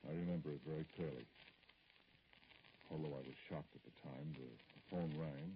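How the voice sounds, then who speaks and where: The clip comes from a dull, noisy old radio drama recording. An actor voices a dignified middle-aged politician who is aggrieved, brooding, and speaking to a caller with wounded indignation. His voice is very deep and gravelly with fairly even intonation, and his manner is formal, hesitant and pointed, broken by pauses.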